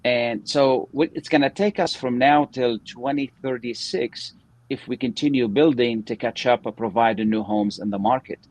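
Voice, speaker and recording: A man's voice: medium pitch, normal speed, darkish tone. A man speaking earnestly in an interview discussion, repeating words as he thinks.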